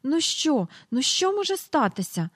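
Anxious young girl voiced by a woman, high and earnest. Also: animated, normal speed, fairly bright tone, no echo, clean studio sound. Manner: earnest, worried.

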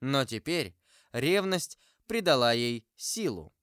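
Expressive male audiobook narrator. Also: mid-range voice, slow pace, clear, resonant tone, no room sound, clean studio sound. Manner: expressive literary reading. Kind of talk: scripted narration.

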